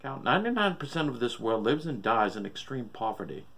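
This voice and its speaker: A man's voice: medium pitch, very animated, a little fast, vocal fry, fairly bright tone, full character voice. A man voicing a sick old father gone mad with doom, preaching bitterly and profanely in a horror story reading. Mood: bitter, ominous.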